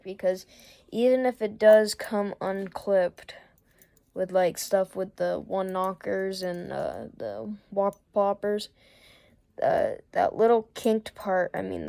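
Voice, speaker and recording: A young woman talks through her fishing gear in a loose, unhurried ramble, full of "uh" and "um" as she goes. Her voice is mellow and warm, and she takes her time between phrases. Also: mid-range voice, creaky. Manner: rambling, many fillers and trailing pauses. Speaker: fishing vlogger. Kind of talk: casual gear walkthrough.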